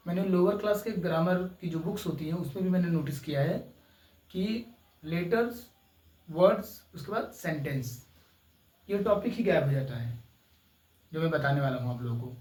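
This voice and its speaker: A man, teaching a slow YouTube grammar lesson and often checking in with his students. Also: on the high side, a little mellow, reverberant, far from the mic, low-quality recording. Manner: slow, drawn-out explaining with frequent "ठीक है" checks. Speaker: English teacher.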